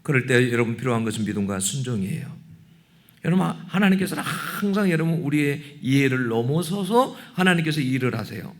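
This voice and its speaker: A man's voice: medium pitch, lively intonation, fairly quick. A middle-aged man preaching a sermon as pastor in a church, emotional and rising into passionate appeals full of rhetorical questions. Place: church sanctuary.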